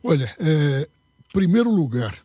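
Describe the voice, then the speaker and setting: A man's voice: a little high, sing-song, unhurried, mellow, husky, no echo. A man answering as a guest in a political interview, emphatic and lecturing.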